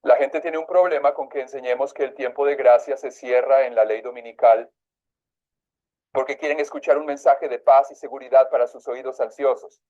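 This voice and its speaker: A man reading a religious passage aloud as a sermon, pausing now and then to comment in his own words. His voice is dark and mellow, and the recording sounds a little dull and lo-fi. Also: mid-range voice, fairly even intonation. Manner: reads aloud, breaks off to comment. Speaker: preacher.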